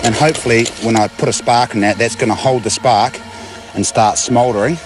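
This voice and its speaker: A man's voice: mid-range voice, steady tone, a little fast, music in the background. A man with a broad New Zealand accent giving casual, slangy outdoor commentary as a survival presenter. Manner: blokey, slangy. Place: outdoors in tropical wetlands and on boats.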